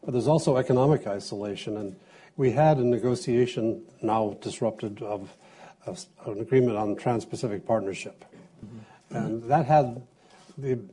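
Mellow, husky man asking a question. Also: mid-range voice. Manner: deliberate, with restarts. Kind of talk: formal question at a forum.

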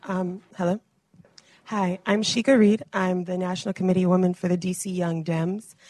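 A woman's voice: on the low side, level tone, moderate pace, darkish tone, dry recording. A woman in the audience asking a question at a live event, polite and a little hesitant.

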